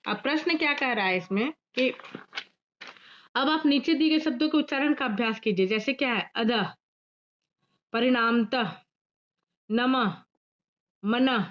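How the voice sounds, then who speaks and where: A woman teacher giving a grammar lesson to pupils, repeating key points slowly and addressing the class directly. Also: fairly high pitch, dull audio. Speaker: school teacher.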